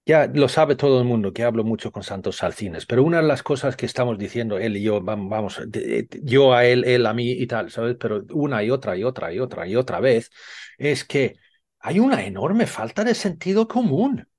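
A man from Spain hosting a relaxed podcast conversation. His voice is lively and swings widely in pitch. He often stops and restarts his phrases as he works out a thought. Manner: animated, halting with restarts. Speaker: podcast host. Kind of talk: casual chat.

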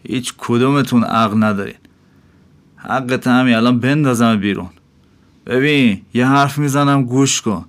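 A man's voice: mid-range voice, close to an everyday voice. A man voicing a scornful middle-aged innkeeper who scolds and mocks. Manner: mocking, scolding.

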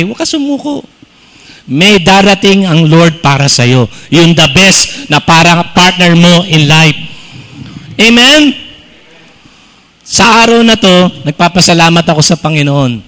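A middle-aged man preaches a humorous sermon, his voice pitched high and bright. He jokes, teases and calls out to the congregation, slipping English phrases into his Tagalog. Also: rough recording. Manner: joking, animated preaching with call-outs to the crowd. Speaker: pastor.

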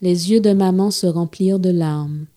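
A woman telling a storybook tale to children in a gentle, expressive reading style. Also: lowish voice, moderate pace.

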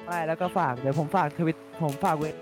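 A man's voice: a little high, steady tone, brisk, faint music behind. A man co-hosting a casual podcast chat, blunt with crude banter. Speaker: podcast co-host.

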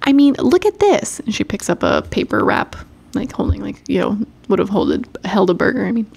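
Woman host, chatty recap, rambling with fillers and laughs, mid pitch. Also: huge pitch swings, a little fast, vocal fry, breathy edge. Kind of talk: casual chat.

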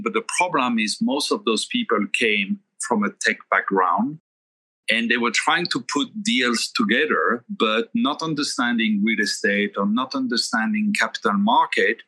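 Middle-aged guy from belgium, bright lowish voice, explains slow and careful, pauses a lot. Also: poor audio. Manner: measured, explanatory, pauses mid-sentence. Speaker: guest, investment firm founder. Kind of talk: conversational interview answers.

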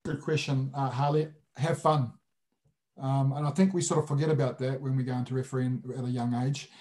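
A man with a broad Kiwi accent talks in a casual interview style at a middling pitch. He is blunt and jokey, leaning on colloquial phrasing as he answers as a guest. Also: flat delivery, fairly quick, a little mellow. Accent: broad New Zealand. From New Zealand. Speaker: sports referee, interview guest.

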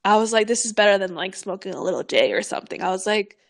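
A young woman co-hosting a podcast, telling stories in a lively, animated way, laughing often and swearing freely. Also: medium pitch, fast talker, gravelly. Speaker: podcast co-host. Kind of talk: casual podcast chat.

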